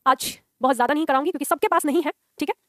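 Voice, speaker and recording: A woman gives a grammar lecture to her students, her voice fairly high and her delivery brisk. She explains point by point and keeps checking that the class is following. The sound is dry and close. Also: no room sound. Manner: explains step by step, asks students checking questions. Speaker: Hindi grammar teacher.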